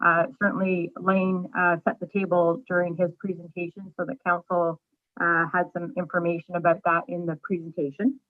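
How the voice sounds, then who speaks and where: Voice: medium pitch, little pitch movement, moderate pace, no room sound. A township staff member presenting a report at a council meeting over a garbled, glitchy remote call, speaking hesitantly and apologetically. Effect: garbled, glitchy remote call audio. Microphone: remote call line. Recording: tinny, dry phone-like call line.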